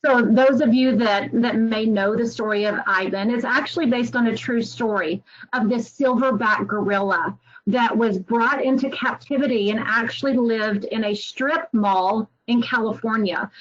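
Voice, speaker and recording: Woman, fairly high voice, earnest explanatory presentation, emphatic, muffled lo-fi audio. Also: steady tone, moderate pace. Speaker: education executive. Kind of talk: presentation to volunteers. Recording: dull lo-fi recording.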